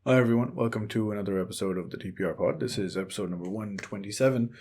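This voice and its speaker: A man's voice: lowish voice, very fast, a little mellow, breathy edge. Easygoing male podcast host. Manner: easygoing, laughs often. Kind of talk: casual podcast chat.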